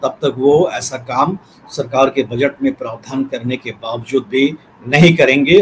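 A man in his forties, an editor, explaining policy on a video call from a book-lined study, measured and often pausing with fillers. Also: mid-range voice, slight background noise, low-quality recording. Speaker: newspaper editor, analyst. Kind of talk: news analysis commentary. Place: home study with bookshelves. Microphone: webcam, video call.

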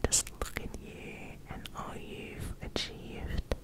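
A young woman gives a whispered pep talk as ASMR affirmations, breathy and soothing, repeating words, close to the microphone. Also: slow pace. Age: young adult. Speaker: ASMR host. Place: small indoor room. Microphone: close desk condenser mic with fluffy cover.

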